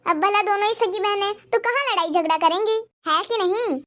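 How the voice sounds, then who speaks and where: A woman's voice: very high-pitched, a little fast, a bit bright. Woman voicing a meddling gossipy neighbor. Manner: chatty, probing, complaining. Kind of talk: cartoon dubbing.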